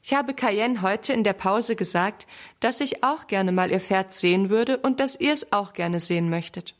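A woman's voice: mid-range voice, normal speed, lightly acted. A woman reading a shy young schoolgirl.

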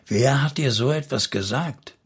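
A man voicing a thoughtful, tender old prophet who speaks in a measured, grave way in an audiobook reading. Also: mid-range voice, breathy edge. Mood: moved.

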